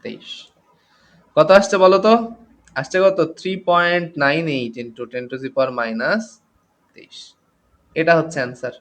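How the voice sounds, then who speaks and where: Tired tutor, high voice. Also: male voice, animated, slow pace, long pauses, a bit bright. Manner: reads out comments and greets students by name, mixes English terms. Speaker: chemistry tutor. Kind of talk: live online class teaching.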